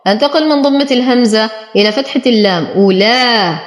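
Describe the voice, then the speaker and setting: A woman teaching Quran recitation rules, explaining each letter step by step and then saying the word slowly. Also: on the high side. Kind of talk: tajweed lesson. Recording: echoey room.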